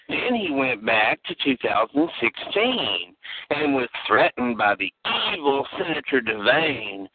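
Sweet sing-song kiddie-show aunt played by a man, high and swooping, tinny phone-like sound. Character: chirpy aunt-like teacher on a kids' show. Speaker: children's history-lesson host. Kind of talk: comedic kids' show parody.

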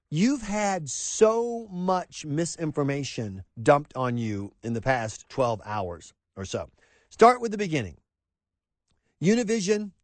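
A man's voice: on the high side, no echo. A middle-aged man hosting a talk radio show from a diner, ranting in an opinionated, mocking way and acting out quotes. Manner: animated, mocking, acts out quotes. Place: broadcasting live from a diner.

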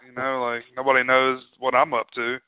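A man's voice: medium pitch, completely flat delivery, fairly quick, clear, resonant tone. A man co-hosting a podcast, bantering crudely with plenty of profanity and laughter. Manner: joking, profane, laughs often. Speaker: podcast co-host. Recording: dry, phone-like narrow sound.

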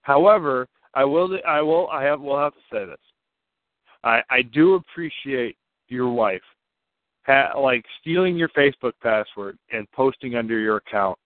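A male co-host heard through a thin, phone-like band with a dry sound. His pitch is average for a man. He banters and teases casually, doubling back on phrases to stress them. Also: lively intonation, moderate pace, no echo. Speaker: radio show co-host.

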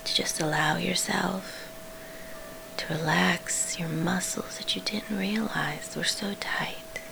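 A woman leading a guided sleep meditation in a soft, soothing whisper, pausing between short phrases. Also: fairly low pitch, vocal fry, background noise.

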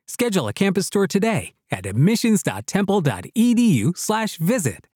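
Casting: male commercial announcer, high-pitched, animated delivery, dry studio sound. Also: normal speed, slightly rough, no room sound. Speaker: advert announcer. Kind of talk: scripted advert narration.

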